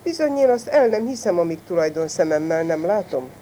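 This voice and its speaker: A woman's voice: lowish voice, lively intonation, warm tone, slight background noise, lightly acted. A woman voicing a sly, stubborn fox in a storybook tale who answers with bold self-assurance. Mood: cocky. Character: cunning stubborn fox, lost at sea.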